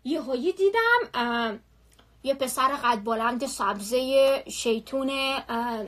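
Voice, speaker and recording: A young woman telling a story on a live stream into her phone, chatty and animated, full of slang and repetition. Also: sits high.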